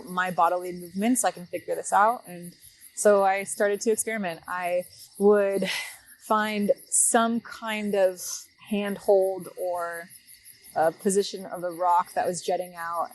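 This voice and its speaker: Young woman, somewhat low voice, relaxed reflective storyteller, chatty fillers. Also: rough recording. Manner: reflective, unhurried, many fillers. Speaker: guest telling her story. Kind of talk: casual spoken storytelling.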